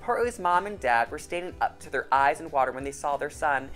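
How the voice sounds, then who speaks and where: A woman reading a children's storybook aloud in an animated storytelling style. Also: low-pitched, brisk, faint music behind.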